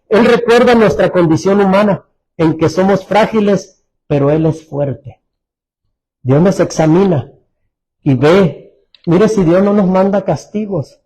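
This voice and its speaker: High-voiced male pastor preaching. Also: slightly rough, poor audio. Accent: Mexican Spanish. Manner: preaching with sudden drops to soft, low tones; repeats phrases, restarts words. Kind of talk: sermon.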